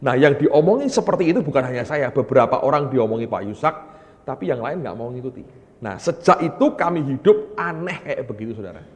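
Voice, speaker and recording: A male pastor preaching a sermon, telling stories with lively energy and often addressing the congregation directly. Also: medium pitch, fairly quick. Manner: animated storytelling, often calling the congregation "brothers". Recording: long hall reverb.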